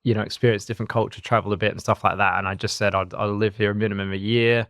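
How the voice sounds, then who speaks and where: A man in his thirties with an Australian accent, co-hosting a podcast and telling his story in a relaxed, rambling way. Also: on the low side, quick pace, no room sound, studio quality. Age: 30s. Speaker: co-host. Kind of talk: casual podcast chat.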